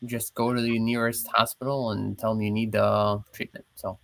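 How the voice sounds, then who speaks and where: A man in casual chat who is short of breath, telling his story in a rambling, animated way. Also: fairly low pitch, moderate pace, gravelly. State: short of breath while ill. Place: home, in bed.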